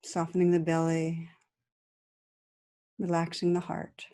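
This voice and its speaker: A woman meditation teacher guides a practice in a gentle, soothing, unhurried manner, leaving long pauses between phrases. Her voice sits on the low side and stays monotone.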